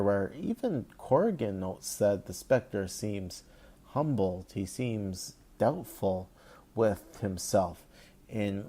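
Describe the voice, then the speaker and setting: A man hosting a podcast, retelling a comic book story in a measured, thoughtful way. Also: lowish voice, dark tone. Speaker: podcast host. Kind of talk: casual podcast commentary.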